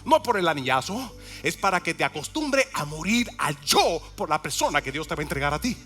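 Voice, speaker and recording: A man's voice: on the high side, sing-song, fairly quick, pushed and bright, soft background music. A male pastor preaching a sermon with emphasis, repeating key words and asking the congregation questions.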